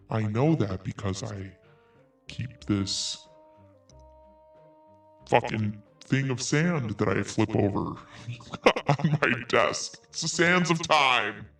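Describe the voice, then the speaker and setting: A man with a lowish, fairly bright voice hosts a commentary podcast, picked up on a distant mic. He reads messages aloud sarcastically and swears freely.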